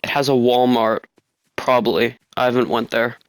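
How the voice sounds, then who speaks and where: A man's voice: mid-range voice, flat delivery, normal speed. Giggly young man teasing. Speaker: gamer. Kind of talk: casual game chat.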